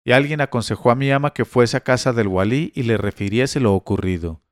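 A man reading a classic tale as a storybook narrator, steady and measured. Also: medium pitch, no echo, studio quality.

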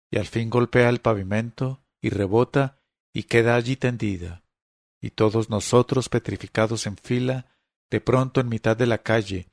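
A man narrating an audiobook in a steady, dramatic storytelling manner. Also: medium pitch, creaky, dry recording, studio quality.

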